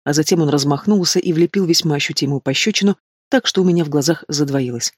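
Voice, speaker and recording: A man narrating an audiobook in a steady, measured reading. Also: a little high, dry recording, studio quality.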